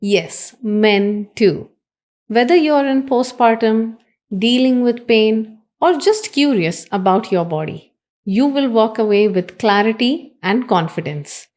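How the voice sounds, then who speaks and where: A woman's voice: on the high side, animated, slow pace, darkish tone. Podcast host woman reading her intro. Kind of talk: podcast interview.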